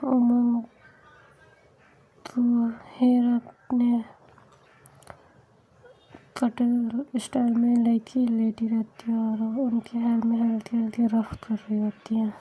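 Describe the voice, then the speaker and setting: A woman narrating a romantic story in a soft, whispered role-play, voicing every character herself. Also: on the high side, monotone, slow pace, pauses often, husky, poor audio.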